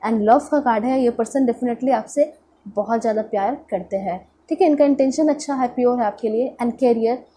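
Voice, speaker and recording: Her voice is fairly high, warm, and at normal speed, with some slight hiss or hum in the audio. She's a tarot reader with an Indian accent, pinched-nose and nasal from a cold, doing a relaxed reading. English words get mixed in, and she repeats check-in phrases.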